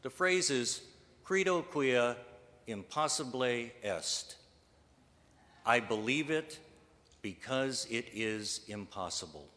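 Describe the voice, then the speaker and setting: A man giving a formal tribute speech, measured and earnest, with deliberate pauses. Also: mid-range voice, lively intonation, bright, forceful tone, slight background noise. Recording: reverberant hall.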